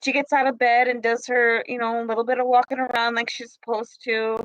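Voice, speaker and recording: High-voiced woman greeting viewers. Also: flat delivery, brisk, a bit bright, dry recording, muffled recording. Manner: friendly, laughs often, reads out viewer names. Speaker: livestream co-host. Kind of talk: casual livestream chat.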